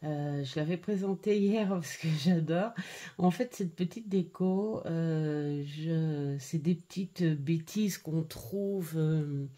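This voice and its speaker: A middle-aged woman talks slowly through a casual card-deck review at home. Her voice sits low and mellow, and she stops and starts with many fillers. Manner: hesitant, full of "euh" fillers and restarts. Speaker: tarot and oracle card vlogger. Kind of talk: casual unboxing and review chat.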